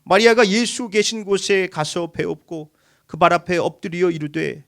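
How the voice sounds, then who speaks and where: A male pastor preaching a sermon, moving from calm explanation to impassioned pleading when he voices the grieving. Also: moderate pace, vocal fry. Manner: emotive preaching, voicing the grieving with raised pitch.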